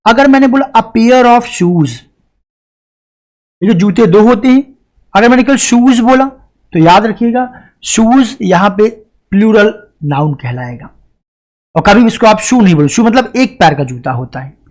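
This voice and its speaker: Male grammar teacher, lecture delivery, rhetorical questions, stresses each example sentence slowly. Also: sits high, lively intonation, a little mellow. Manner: explains step by step, often asks and answers his own questions; reads English example sentences slowly and deliberately. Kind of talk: classroom lecture.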